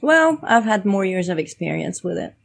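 A woman's voice: mid-range voice, normal speed, gravelly, a little hiss or hum. A woman French teacher, a podcast guest, telling classroom stories in casual chat and laughing often. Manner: animated storyteller, laughs often.

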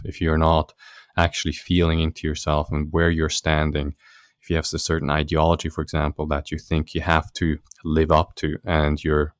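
A man with a very low, deep voice talks through relationship advice in an earnest, explanatory way. The sound is dry and close, with no room around it. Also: dry recording. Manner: earnest, explanatory, laughs easily. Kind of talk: conversational interview answer.

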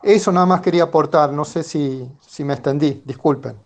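A man from Tucumán with an Argentine accent, calling in by phone and giving a reflective, halting comment. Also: fairly high pitch. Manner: hesitant, halting with restarts, reflective. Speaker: caller. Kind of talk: casual call-in comment.

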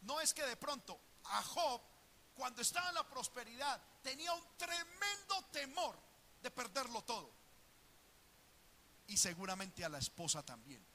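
A male preacher delivering a sermon, animated, calling listeners brother and acting out voices. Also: very high-pitched, moderate pace, slight background noise.

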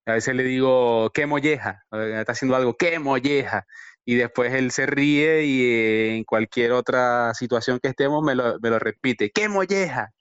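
A man's voice: medium pitch, fairly even intonation, moderate pace, few pauses, clear, resonant tone, no room sound. A Venezuelan man in his thirties answers interview questions over a muffled, lo-fi call line. The sound is dry and close, with no room around it. He talks earnestly and hesitantly, often repeating a word before he goes on. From Venezuela, Zulia. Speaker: interview guest. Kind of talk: casual remote interview. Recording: dry, dull lo-fi call audio.

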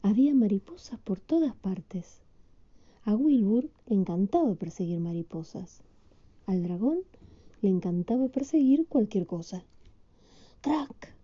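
A woman reads a picture book to a child, pausing to quiz them patiently. Her voice is very dark and mellow at an ordinary pitch. The recording is slightly dull and lo-fi. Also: animated. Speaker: storyteller reading to a child. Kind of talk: picture book read aloud.

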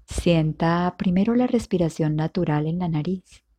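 A woman leading a guided meditation as instructor, giving calm, soothing, measured instructions with long pauses. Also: lowish voice.

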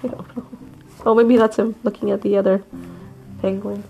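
A woman's voice: mid-range voice, flat delivery, normal speed, gravelly, highs cut off, soft background music. A woman reading a picture book aloud and chatting about the pictures. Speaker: storytime reader.

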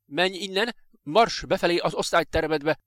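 A man reading a story aloud, voicing an angry, stout deputy headmaster who shouts orders. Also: on the high side, no echo, clean studio sound, voice pushed up, natural voice. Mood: angry shouting.

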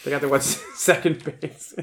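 A man's voice: fairly high pitch, steady tone, normal speed, fairly bright tone. A man co-hosting a casual movie podcast, joking, swearing and laughing often. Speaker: podcast co-host.

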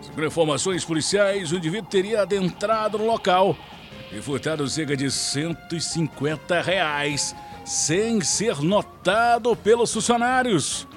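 A man's voice: high voice, unhurried, faint music behind. A Brazilian man reading a scripted radio police-news bulletin as the reporter.

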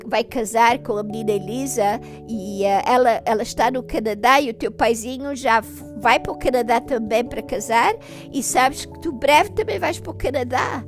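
A tender old grandmother, as a woman storyteller puts her on, speaks, gentle and coaxing. Her voice sits fairly high and soft. Faint music plays under the storybook. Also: normal speed, natural voice. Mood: soothing.

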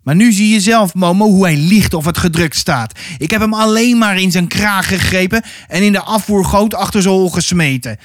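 A man's voice: high voice, normal speed, no echo, studio quality, voice pushed up, close to an everyday voice. A man voicing a furious burly mason. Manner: shouting, indignant. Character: burly angry male mason, hot-tempered.

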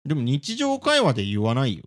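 Lively young man teasing his co-host. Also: medium pitch, a little fast. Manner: teasing, animated, quotes in mock dialect. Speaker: podcast co-host. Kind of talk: casual radio chat.

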